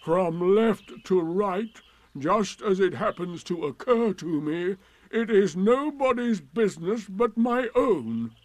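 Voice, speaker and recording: A man voicing a gloomy, sarcastic donkey in a storybook, with drawn-out, emphatic, indignant delivery. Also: high voice, expressive, no room sound, voice pushed up. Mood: sardonic, aggrieved.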